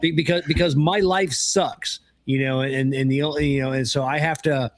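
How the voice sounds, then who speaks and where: A man with a fairly high voice chats on a podcast. He stumbles over his words and restarts lines as he goes. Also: fairly even intonation, normal speed. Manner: stammering, restarts lines, mocks others' voices. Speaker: podcast co-host. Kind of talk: casual chat.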